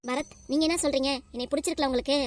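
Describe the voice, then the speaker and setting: Woman voicing a rapid, high young nurse. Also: steady tone, no echo, natural voice. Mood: pleading. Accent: southern Tamil Nadu. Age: 20s. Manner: pleading, insistent, talks over objections. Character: earnest 20-year-old female nurse, lovestruck and persistent. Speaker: voice actor. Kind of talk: cartoon voice acting.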